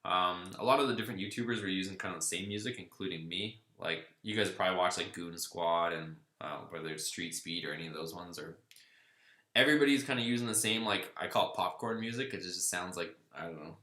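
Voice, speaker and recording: A low-pitched man talks a little fast, his voice pushed and bright in a reverberant space. He hosts a casual livestream Q&A for a car channel, reading viewer comments aloud and riffing on them in a laid-back, loose way.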